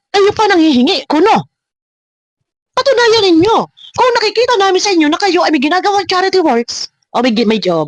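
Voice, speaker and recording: A woman with a very high voice speaks with no room sound. As host of a reaction video, she delivers a confrontational rant aimed at her critics, full of repetition and rhetorical questions.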